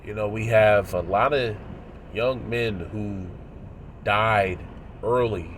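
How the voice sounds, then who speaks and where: Congested and coughing from a cold, this man in his thirties preaches a moral lesson in a commentary video, measured and pausing often. His nasal voice is on the low side yet fairly bright, with slight background noise behind it.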